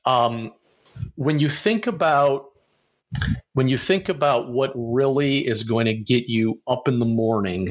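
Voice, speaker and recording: A man's voice: mid-range voice, dull audio. A man from Ohio giving earnest, motivational advice as a podcast guest, with a preacherly way of talking. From Ohio, USA. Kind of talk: casual interview talk.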